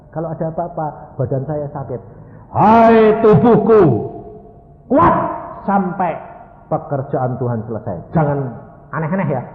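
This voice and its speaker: An older man with a Javanese accent preaching a sermon, telling stories and acting out voices, breaking into sudden loud, high cries. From Indonesia. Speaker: pastor. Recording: echoey hall, tinny lo-fi.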